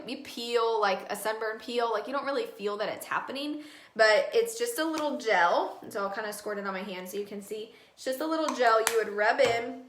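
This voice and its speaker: A young woman in her twenties talks to viewers during a live skincare demonstration, chatty and upbeat with plenty of fillers. Her voice is bright and slightly high. The room around her sounds echoey. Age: 20s. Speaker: beauty consultant hosting a live skincare demo. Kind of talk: casual live-stream product talk.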